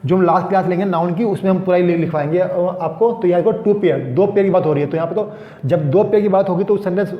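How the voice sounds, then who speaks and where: A male grammar teacher, explaining step by step to students in a classroom lecture. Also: high voice. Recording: echoey dull room sound.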